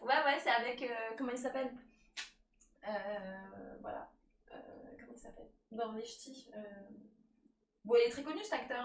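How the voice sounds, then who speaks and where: A woman's voice: high voice, a bit bright, distant mic. A woman chatting casually during a live cooking stream, laughing often, thanking viewers and talking to her cat. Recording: echoey room, voice a bit off-mic.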